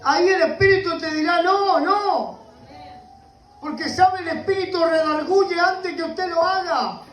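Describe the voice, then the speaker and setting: A man's voice: very high-pitched, fairly even intonation, moderate pace, a bit bright, reverberant, slight background noise, low-quality recording. A man with a Rioplatense Spanish accent preaching a sermon with passion, often calling out to his listeners as brother. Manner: impassioned preaching, repeatedly addressing the listener as brother. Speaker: pastor. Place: church.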